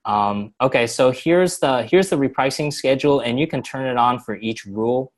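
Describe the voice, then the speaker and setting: Guy demoing software on a webinar, lots of ums, medium pitch. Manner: halting, filler-heavy explaining. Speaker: software support presenter. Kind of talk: screen-share software walkthrough.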